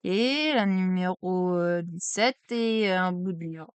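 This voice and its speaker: A woman streaming a card opening, chatty and excitable, exclaiming over each card. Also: fairly low pitch, slow, clean tone, dry recording. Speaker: streamer opening trading cards. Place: at home desk.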